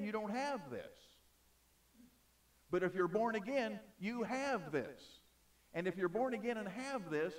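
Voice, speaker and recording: Man preaching from afar, high voice. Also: distant mic. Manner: emphatic preaching with swings between loud and soft. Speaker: pastor. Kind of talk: sermon. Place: auditorium.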